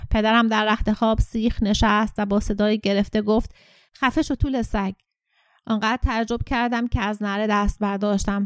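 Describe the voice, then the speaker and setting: A woman narrating an audiobook story in a steady, clear storytelling voice. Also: mid-range voice, dry recording, clean studio sound.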